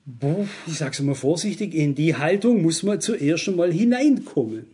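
A man's voice: on the high side, animated, normal speed, dark tone. A middle-aged man preaching a sermon, emphatic and turning to his listeners with rhetorical questions.

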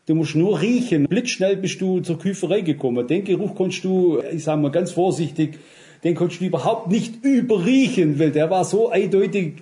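A man preaching a sermon, switching between emphatic stress and quiet, hushed remarks. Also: fairly high pitch.

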